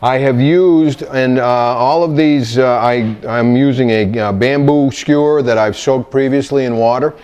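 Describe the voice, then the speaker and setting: A man hosting a cooking video, talking through a recipe in his kitchen in a halting, meandering way. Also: medium pitch, steady tone, darkish tone, smooth. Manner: halting, meandering, searches for words. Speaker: cooking show host demonstrating recipes. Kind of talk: unscripted cooking demonstration. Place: home kitchen indoors.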